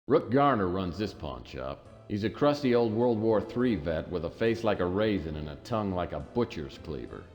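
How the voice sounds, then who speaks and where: A man's voice: low-pitched, lively intonation, moderate pace, few pauses, darkish tone, long reverb tail, faint music behind. An actor playing a wisecracking hard-boiled male detective, narrating in a dry, sardonic noir style. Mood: wry. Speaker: game narrator and lead character. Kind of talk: 1990s game voice acting.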